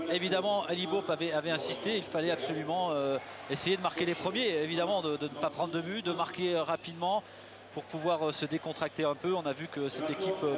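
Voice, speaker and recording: A man giving analytical football commentary, hesitating and repeating words as he explains the play. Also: a little high. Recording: very noisy stadium broadcast. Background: loud stadium ambience.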